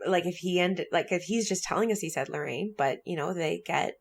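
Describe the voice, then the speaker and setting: A woman's voice: lowish voice, fairly quick, breathy edge. A woman co-hosting a podcast, chatting casually as she retells a story with lots of fillers. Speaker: podcast co-host.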